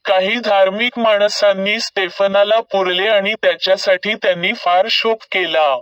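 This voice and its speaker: Male narrator, scripture reading: slow and measured, bright crisp tone, dry and distant. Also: sits high, fairly even intonation, dry recording. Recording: dull recording from a distance.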